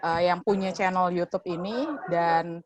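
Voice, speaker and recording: A woman's voice: lowish voice, fairly even intonation, a little slow. A woman with an Indonesian accent, a lecturer hosting a talk in an informal, explanatory way. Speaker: host and communication lecturer. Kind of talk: conversational explanation and interviewing.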